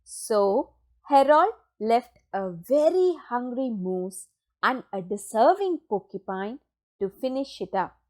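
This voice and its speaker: In a voice on the high side, a female storybook reader shares a children's picture book. Her delivery is deliberate and expressive, punctuated by dramatic pauses.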